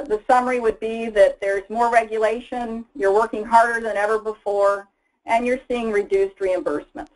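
A woman's voice: medium pitch, darkish tone, low-quality recording. Woman presenting a slide webinar. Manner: casual, explanatory, frequent fillers. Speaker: product presenter. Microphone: voice-over for slides.

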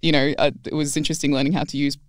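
A woman's voice: low voice, level tone, rapid-fire, no room sound, studio quality. A young woman, a podcast guest, chatty, laughing easily and using many ums. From Australia. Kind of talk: casual podcast chat.

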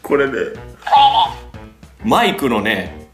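A man's voice: medium pitch, very animated, slow pace, reverberant, loud music behind the voice. A man vlogging in Kansai dialect, showing off a toy in a chatty, playful way with frequent laughs. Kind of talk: casual product showcase vlog.

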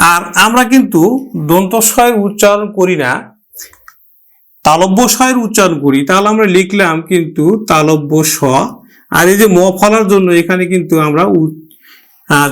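High-voiced man teaching pronunciation. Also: fairly bright tone. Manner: slow, drawn-out repetition of example words; addresses students directly, explaining step by step. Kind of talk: Bengali grammar lesson.

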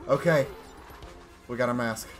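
A young man casually commenting while he plays a video game, swinging between loud excited yelps and low frustrated muttering. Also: unhurried, soft background music. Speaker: gaming channel host. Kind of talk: live let's-play commentary.

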